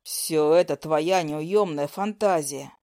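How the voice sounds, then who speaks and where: A protective young healer , played by a woman, speaks in a lowered, steady voice. He is tender with his girlfriend but blunt with his rival, and the sound is close and dry. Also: takes it slowly, dry recording. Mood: caring.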